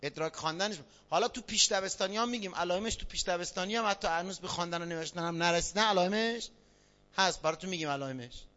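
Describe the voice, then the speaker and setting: Man, teacher, classroom lecture, asks the listeners questions, bright tense voice, muffled lo-fi sound. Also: high-pitched. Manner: quizzes listeners, spells out examples. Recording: dull lo-fi sound.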